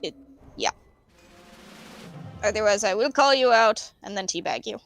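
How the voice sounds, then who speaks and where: A woman in casual game voice chat, making brisk, teasing callouts over a headset mic. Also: mid-range voice, expressive, gravelly, fairly bright tone, faint music behind. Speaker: raid player calling out mechanics.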